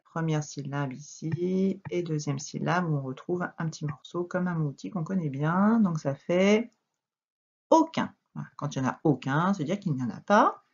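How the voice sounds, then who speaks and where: A woman teaching French children to read, dictating words slowly syllable by syllable with lively emphasis. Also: deep voice, vocal fry, slightly rough. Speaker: primary school teacher. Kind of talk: reading lesson for young children. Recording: dull lo-fi recording.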